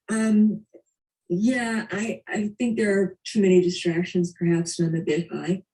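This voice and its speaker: A woman critiquing photographs as a competition judge, thoughtful and hesitant with frequent pauses. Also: medium pitch, steady tone, mellow. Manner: hesitant, thoughtful, with many ums. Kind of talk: spoken critique. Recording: distant mic.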